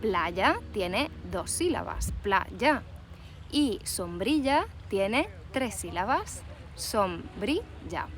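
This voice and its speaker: A young woman teaching an online language lesson, stressing syllables clearly and emphatically. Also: mid-range voice, sing-song, takes it slowly, hardly any pauses, a little hiss or hum. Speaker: Spanish teacher. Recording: loud background music.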